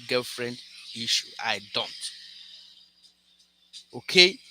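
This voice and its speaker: This relationship-advice vlogger speaks straight to his audience, lecturing earnestly through a love story meant as a warning, with frequent restarts and repeated words. His voice is on the high side and sharp, with slight background noise.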